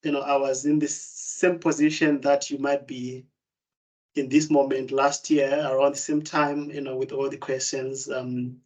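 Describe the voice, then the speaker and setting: Speaking on a video call for an online open day, a young Zimbabwean student presents with frequent fillers and restarts. He has a medium-pitched voice, and the recording is rough.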